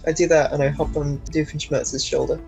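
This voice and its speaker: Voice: mid-range voice, little pitch movement, a little fast, creaky, loud music behind the voice, low-quality recording. A player in a tabletop game who keeps asking eager questions. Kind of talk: casual tabletop play.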